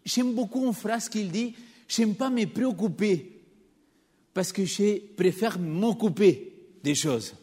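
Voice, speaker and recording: Male preacher, accented French, high-pitched, rhetorical questions, reverberant church hall. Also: slow, darkish tone, slightly rough. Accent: non-native French accent. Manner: engaging, poses rhetorical questions to the congregation. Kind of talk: sermon.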